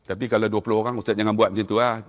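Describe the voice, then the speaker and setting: A male preacher with a Malaysian Malay accent telling a story in a sermon, animated and acting out the people in it. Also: fairly low pitch, rapid-fire, big-room sound, highs cut off. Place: mosque.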